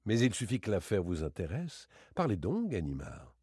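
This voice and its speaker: A man voicing a playful, boastful gentleman thief in a dramatic audiobook reading, teasing and theatrical. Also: wildly swooping pitch, normal speed, husky, no echo, studio quality, exaggerated voice. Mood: mocking, boastful. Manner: teasing, theatrical, swings between bright exclamations and low asides.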